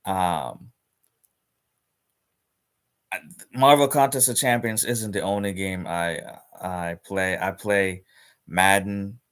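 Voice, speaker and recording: A man's voice: sits low, slow pace, long pauses, fairly bright tone, clear, resonant tone. A man streaming live in a casual, rambling rant about a mobile game, repeating himself and restarting his sentences, with hiccups. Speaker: gaming streamer.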